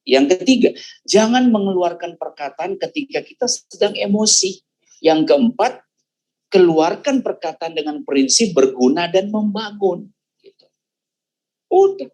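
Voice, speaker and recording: Older man preaching in animated storytelling. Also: sits high, measured pace, pauses often, poor audio. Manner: animated storytelling, acts out quoted voices. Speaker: pastor. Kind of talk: sermon testimony.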